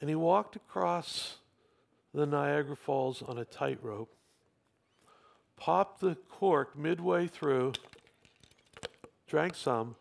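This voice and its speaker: Male pastor, gravelly and unhurried, talks with the congregation as he preaches. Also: a little high. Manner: storytelling with rising emphatic questions to the congregation. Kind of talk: sermon.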